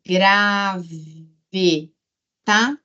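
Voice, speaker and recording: A woman's voice: mid-range voice, very slow, pushed and bright, clean tone, muffled recording. A Brazilian woman teaching an exam-prep grammar lesson, explaining step by step and checking in with her students often. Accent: Brazilian Portuguese.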